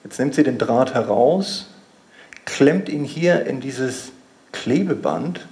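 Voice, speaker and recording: A man's voice: mid-range voice, expressive, slow pace, darkish tone. A man in his thirties giving a public science lecture, explaining step by step with emphatic repetition. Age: 30s. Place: lecture hall with seated audience.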